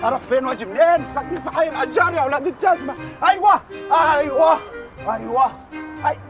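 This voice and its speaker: A frantic, hapless young man with an Egyptian accent, pushing his way through obstacles. His voice sits very high and races along, switching from sweet-talk to insults. Music plays under him. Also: lively intonation, fast talker. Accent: Egyptian Arabic. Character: brash hapless young man on a rescue errand. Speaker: comic lead in a TV series.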